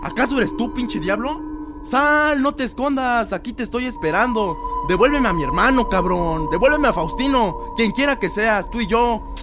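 A man's voice: high voice, measured pace. A young man playing a frightened, cursing young Mexican man. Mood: defiant. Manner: shouting, cursing, defiant. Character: frightened young man searching for his lost brother. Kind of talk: radio drama acting. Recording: drama with loud music score.

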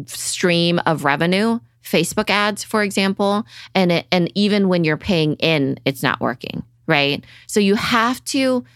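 A woman's voice: lowish voice, no room sound, studio quality. A woman co-hosting a marketing podcast, talking emphatically and casually. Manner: emphatic, leans on "right?" and "you know". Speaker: podcast co-host.

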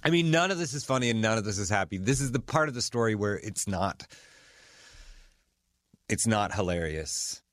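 A man's voice: low voice, no room sound, studio quality. A man hosting a podcast, candidly telling the story of caring for his mother in a wry, conversational way. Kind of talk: personal storytelling.

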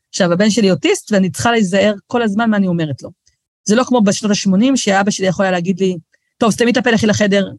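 A woman's voice: mid-range voice, dry recording. Middle-aged woman, guest author on a podcast, chatty storyteller with a close, dry sound. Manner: lively storyteller, acts out quoted voices, frequent restarts. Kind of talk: casual podcast conversation.

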